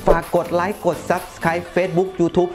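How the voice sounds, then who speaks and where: Man presenting over clear background music. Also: sits high, monotone, takes it slowly. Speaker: product presenter. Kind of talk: scripted product explainer to camera. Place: small bright indoor showroom.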